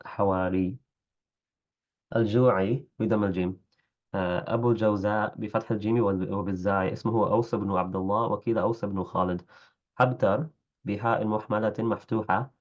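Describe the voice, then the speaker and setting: A man with a fairly low voice reads a classical text to his class. He pauses often to explain in English and fixes his own stumbles. The recording sounds slightly dull and lo-fi. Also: a little mellow. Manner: reads Arabic and comments in English, correcting his own slips. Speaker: teacher reading a classical Arabic text. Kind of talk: reading aloud and explaining in a class.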